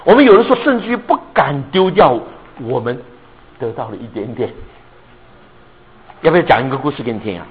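A man preaching a sermon, telling a story in an animated way, often asking listeners if they understand and mixing English words into his speech. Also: medium pitch, fairly quick, pauses often, narrow, tinny audio. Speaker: pastor.

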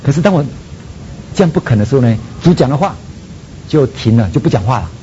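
A man with a Taiwanese Mandarin accent, a seminary president telling his own story in a sermon and acting out his prayers. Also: quick pace. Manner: animated storytelling, acts out prayers. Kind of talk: sermon testimony. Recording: dull lo-fi sound with faint rumble.

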